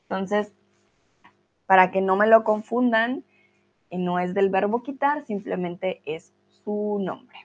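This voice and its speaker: A woman with a Colombian accent teaching a live online class, friendly and encouraging, speaking slowly and clearly. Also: medium pitch, highs cut off.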